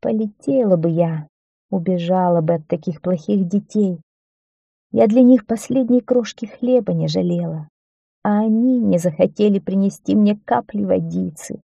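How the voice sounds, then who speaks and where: A woman voicing a tired, ill mother in a children's story, speaking softly and wearily. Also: mid-range voice, normal speed, creaky, husky, no echo, highs cut off. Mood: bitter. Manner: tired, soft and pleading. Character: weary sick peasant mother.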